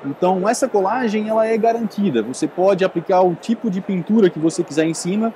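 Representante masculino, tom técnico e objetivo, voz alta e macia. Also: male voice, high-pitched, animated, brisk, warm tone, slight background noise. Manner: technical, matter-of-fact, short agreements. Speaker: company representative. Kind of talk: product explanation. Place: indoor boat show stand.

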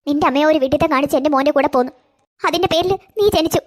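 A tearful, self-sacrificing cartoon grandmother as a woman puts her on. She coaxes gently in a high voice at a quick pace. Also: lightly acted. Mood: sad. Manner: gentle, coaxing. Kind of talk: cartoon voice acting.

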